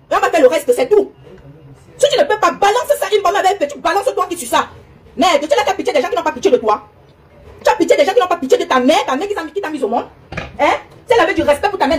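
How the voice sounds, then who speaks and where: A woman's voice: very high-pitched, slight background noise. Woman, commentator type, fires off a taunting rant at breakneck speed, keeps hammering the same points. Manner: emphatic, repetitive, taunting, frequent "hein?". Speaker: online commentator. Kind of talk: heated direct-address monologue.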